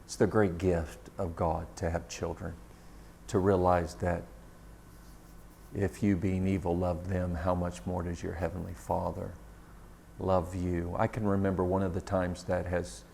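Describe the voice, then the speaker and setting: A man's voice: low voice, level tone, measured pace, creaky, mellow, slight background noise. A middle-aged man telling a personal story in a sermon, in a conversational, laughing storyteller's manner.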